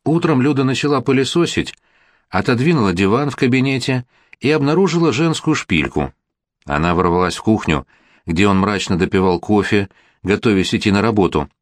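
A man narrating an audiobook in a steady, even voice. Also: lowish voice, fairly quick, dry recording, studio quality.

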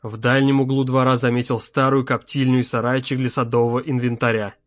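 A man narrating an audiobook in a measured, tense storytelling manner. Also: mid-range voice, little pitch movement, dry recording. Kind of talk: scripted narration. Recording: slightly muffled, dry.

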